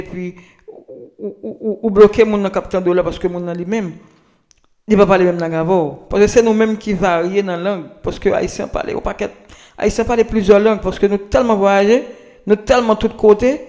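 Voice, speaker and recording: A man's voice: high-pitched, a little mellow. A man with a Haitian Creole accent who gives an informal spoken lesson on pronunciation, repeating himself and restarting often. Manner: repetitive, halting, many restarts. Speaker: language tips presenter.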